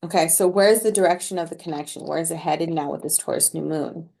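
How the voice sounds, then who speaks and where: A woman's voice: low voice, quick pace, vocal fry, dark tone. A woman giving a casual collective tarot reading to her viewers, chatty and slangy, laughing at her own remarks and filling her talk with "like.". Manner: chatty and slangy, with many "like" fillers. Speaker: tarot reader.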